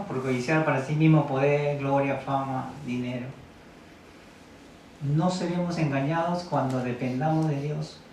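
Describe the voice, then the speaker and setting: A man's voice: mid-range voice, darkish tone, a little hiss or hum. A man preaching a sermon in a church hall. He reads Bible verses aloud and keeps asking the congregation questions. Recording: very echoey room, mic at a distance.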